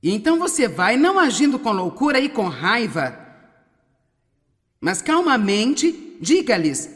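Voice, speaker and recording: A woman preaching a sermon in an animated way, with wry humor and frequent asides to the audience. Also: a little high, measured pace, long reverb tail. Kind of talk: sermon, dubbed.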